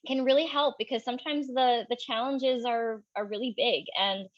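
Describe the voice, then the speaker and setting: A woman's voice: fairly high pitch, steady tone, normal speed, dry recording, muffled recording. A young adult woman moderating an interview, supportive and rambling with many fillers. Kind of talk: casual conversational interview.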